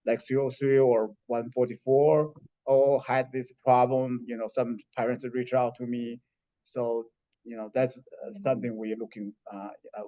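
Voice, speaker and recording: A man speaks at a community meeting in a flat, even voice, pausing often on fillers. The recording is dull and lo-fi. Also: medium pitch. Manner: halting, many fillers. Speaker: council member. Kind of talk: meeting remarks.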